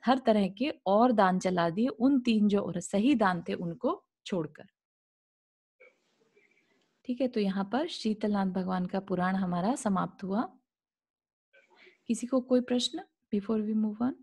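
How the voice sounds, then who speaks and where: A woman's voice: medium pitch, slow, long pauses, a little mellow. A woman teaching a scripture class over a video call. She reads an old religious text aloud, then explains it in simple words and asks the class rhetorical questions.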